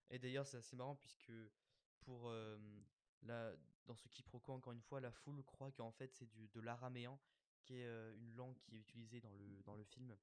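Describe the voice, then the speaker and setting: A man's voice: medium pitch, a little mellow, no room sound. A young man hosting a casual commentary show, talking hesitantly with lots of fillers and self-mocking asides. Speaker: host of an episode-breakdown show.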